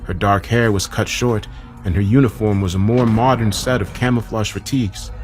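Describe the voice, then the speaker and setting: A man narrating a first-person horror story in a measured, dramatic way. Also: fairly low pitch, fairly even intonation, soft background music.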